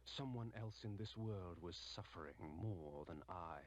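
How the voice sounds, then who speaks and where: An actor playing a brooding male vampire antihero, narrating a game cutscene in a dark, sardonic way. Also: low voice, measured pace, muffled recording.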